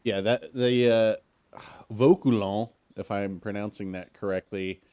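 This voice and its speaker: Male streamer, lowish voice, stuffy and hungover, loose rambling live commentary. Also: fairly even intonation, measured pace, a little mellow, smooth. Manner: rambling, conversational, many fillers. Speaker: game streamer.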